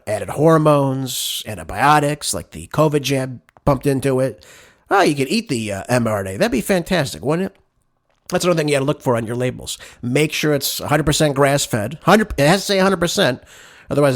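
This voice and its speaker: Sarcastic talk show host, lively pitch. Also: male voice. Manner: combative, sarcastic, addresses listeners as "folks". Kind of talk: solo opinion commentary.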